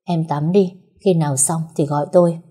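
Caring young husband, read by a woman, quiet, matter-of-fact, husky, dark tone. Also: sits low, steady tone, normal speed. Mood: calm.

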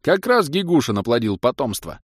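A man's voice: medium pitch, big pitch swings, a little fast, no echo, clean studio sound, voice pushed up. A man voicing a stern, officious male town guard who brooks no objection, in a fantasy game audiobook.

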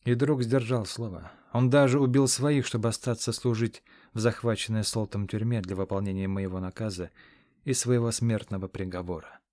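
A man narrating a first-person fantasy story in a measured, grave manner. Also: on the low side, steady tone, a little mellow, no room sound, studio quality. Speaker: audiobook narrator.

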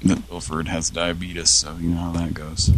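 A man's voice: sits low, completely flat delivery, moderate pace, a bit bright, slight background noise. A man hosting a prank call show, chatting casually and wryly, swearing now and then. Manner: swearing, laughing, wry. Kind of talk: casual chat.

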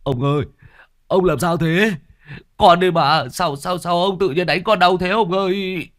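A man's voice: high-pitched, fairly even intonation, unhurried, fairly bright tone, pitched above the performer's own voice. A man doing a whining young servant. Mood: pleading. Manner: whining, pleading, stammering. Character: hulking young male servant, whining and bewildered.

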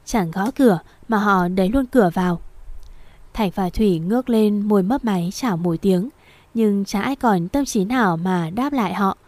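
Woman narrator for an audio novel, steady even reading, mellow dry tone. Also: medium pitch, normal speed, no room sound.

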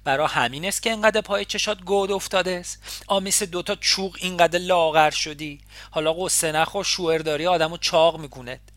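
A woman's voice: fairly low pitch, a bit bright, dry recording, voice pushed up, lightly acted. A woman voicing a talkative, nosy Isfahani neighbor in her forties, speaking with an Isfahani accent in a fussing, effusive way. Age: 40s.

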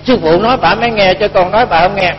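Lively high-voiced monk. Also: male voice, fast. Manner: lively storyteller acting out dialogue. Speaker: Buddhist monk giving a dharma talk. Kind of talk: storytelling sermon. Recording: dull lo-fi recording with long reverb.

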